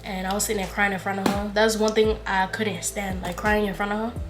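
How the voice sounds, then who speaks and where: A vlogger in her twenties tells a story in casual, slangy chat, animatedly acting out the dialogue in a brisk, mid-range voice. The sound is reverberant, with music underneath.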